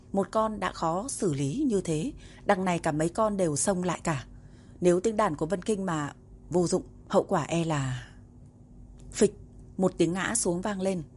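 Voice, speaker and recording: A woman reads a novel aloud as an audiobook narrator, steady and even. Her voice sits on the lower side for a woman. A faint hiss stays under the whole reading. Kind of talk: storybook narration.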